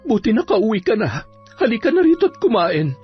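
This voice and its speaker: A woman's voice: on the high side, very animated, brisk, breathy edge, full character voice. A woman voicing a tired, patient mother and long-suffering wife. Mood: weary. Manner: tired, soothing, pleading. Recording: dull audio, soft music behind.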